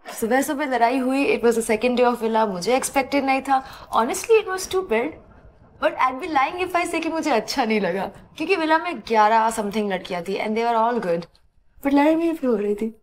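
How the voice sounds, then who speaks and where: A woman's voice: high voice, animated, moderate pace. A young woman speaking candidly as a reality show contestant in a confessional, mixing English and Hindi. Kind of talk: confessional interview.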